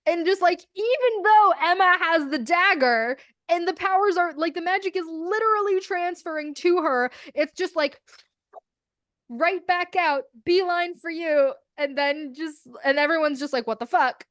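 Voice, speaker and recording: A young adult woman co-hosting a podcast, telling a story in casual chat and acting out the quotes with lively swearing. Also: very high voice, unhurried, no room sound, clean studio sound. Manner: animated, acts out quotes, swears freely. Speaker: podcast co-host.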